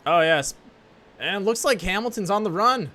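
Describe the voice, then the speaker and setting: Higher-pitched man doing casual motorsport commentary. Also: expressive, moderate pace, bright, forceful tone. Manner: informal, chatty and jokey. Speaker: sim racing commentator.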